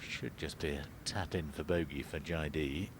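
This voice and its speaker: Man, very low pitch, golf co-commentary, analytical, conversational, noticeable ambient noise. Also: steady tone, moderate pace. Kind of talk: live sports commentary.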